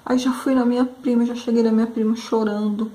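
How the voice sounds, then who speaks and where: A woman's voice: a little high, flat delivery, a little fast, warm tone. A woman hosting a craft channel who chats through a story while she paints, talking emotionally and often calling out to her viewers. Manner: emotional, exclamatory, addresses viewers as "gente".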